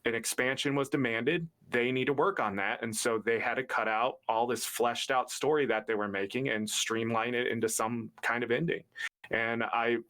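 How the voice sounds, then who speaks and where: A man's voice: mid-range voice, steady tone, moderate pace, a bit bright. Earnest man making his case. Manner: earnest, reflective, building an argument. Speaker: podcast guest. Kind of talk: casual podcast discussion.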